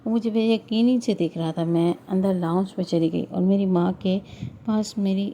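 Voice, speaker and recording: A woman narrating an emotional first-person story in a steady, earnest way. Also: medium pitch, a little hiss or hum.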